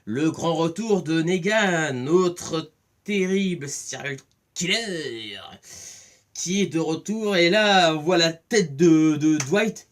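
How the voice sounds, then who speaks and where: A talkative man giving a casual, rambling spoken review, excitable and full of restarts. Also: on the high side, slow pace. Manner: chatty, rambling, many restarts and fillers; excitable, acts out scenes with voices. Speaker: film and series reviewer.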